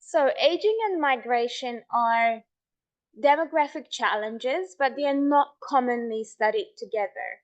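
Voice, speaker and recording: A middle-aged woman from Hungary giving a measured academic talk on her research, with frequent ums and restarts. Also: a little high. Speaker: researcher presenting her work.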